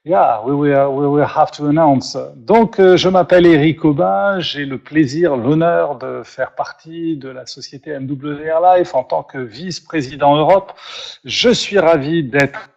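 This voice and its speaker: A man's voice: a little high, unhurried, gravelly, darkish tone, lo-fi sound. A French man hosting a live webinar as a company vice president, speaking English with a French accent and then translating himself into French, upbeat and full of fillers and restarts.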